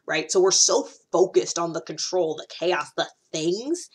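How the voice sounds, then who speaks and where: As a video host, a woman with a fairly low-pitched voice gives a casual, explanatory monologue. She keeps it conversational and often rephrases or repeats herself.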